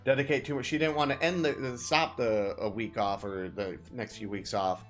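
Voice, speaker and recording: A man's voice: medium pitch, steady tone, normal speed, fairly bright tone, faint music behind. A man hosting as game master, wrapping up the stream in a casual, rambling, joking way with lots of fillers.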